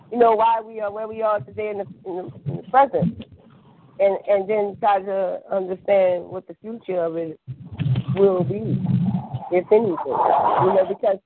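This podcast caller is a woman with a medium-pitched voice, discussing history on a tinny phone line with a little background noise. She keeps it casual yet blunt, hammering points home through repetition and sprinkling in curse words.

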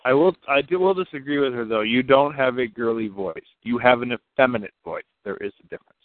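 A male co-host heard through a thin, phone-like band with a dry sound. His pitch is average for a man. He banters and teases casually, doubling back on phrases to stress them. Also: fast talker, dry recording. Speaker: radio show co-host.

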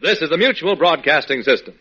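A man's voice: fairly high pitch, lively intonation, fairly quick, husky, heavily acted. A man with an American accent announcing and narrating a 1940s radio serial in a theatrical, suspenseful old radio announcer style. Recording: dull vintage radio broadcast, loud music.

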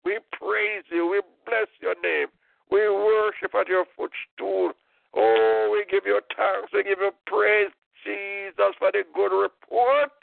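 Over a tinny phone-line prayer call, a man leads fervent intercessory prayer, impassioned and repeating "oh God" and "in the name of Jesus." His gravelly voice sits high, with a steady tone and slow pace, in a dry recording.

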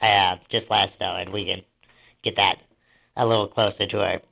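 Over a tinny speakerphone line, a man chats before an upcoming interview in which he'll be a guest. He's agreeable but hesitant, full of fillers, with a lowish, creaky voice, little pitch movement, and a moderate pace.

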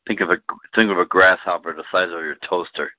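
Man, very low voice, dry tinny phone sound, rambling group call chat. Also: steady tone, fast talker, dry recording. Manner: rambling, laughs between remarks. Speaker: call-in show participant. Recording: phone-line audio.

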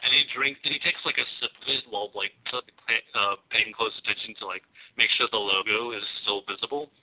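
Male podcast guest, rambling, fillers, lower voice, lo-fi line. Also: steady tone, brisk, creaky. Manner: rambling, filler-heavy retelling. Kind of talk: casual podcast chat. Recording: tinny phone-like lo-fi sound.

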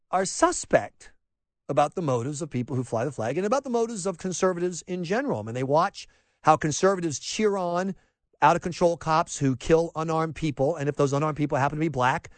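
A fairly high-pitched man, middle-aged and from rural South Carolina, delivers a fervent opinion monologue as a talk radio host. He keeps restarting and slipping in mockery, all heard dry through a close studio mic.

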